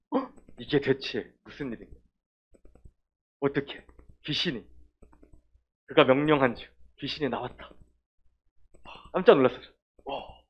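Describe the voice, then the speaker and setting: A man preaching a children's sermon, telling the story with animated questions to the kids. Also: medium pitch, muffled recording. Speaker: children's pastor.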